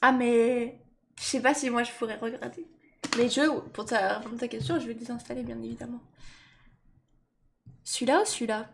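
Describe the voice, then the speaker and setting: A young woman in casual chat, talking in slangy, quick bursts and often laughing. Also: fairly high pitch, fairly even intonation, vocal fry, background noise. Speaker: co-host.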